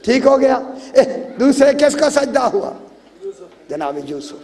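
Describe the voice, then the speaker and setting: A man preaching a storytelling sermon on a microphone, emphatic, often shouting and laughing as he questions his listeners. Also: very high-pitched, very animated, slow. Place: religious gathering hall. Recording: long hall reverb, faint crowd.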